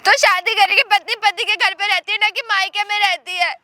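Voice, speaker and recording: A woman's voice: extremely high pitch, steady tone, moderate pace, sharp tone, no room sound. A woman playing a pleading, wronged young wife. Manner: pleading and insistent. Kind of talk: family drama skit acting.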